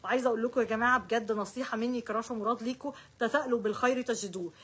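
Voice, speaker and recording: A woman's voice: fairly high pitch, racing, a bit bright, slightly rough. A woman with an Egyptian Arabic accent giving daily horoscope forecasts, rattling off short repeated words and speaking straight to each sign. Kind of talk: casual direct-to-viewer horoscope talk.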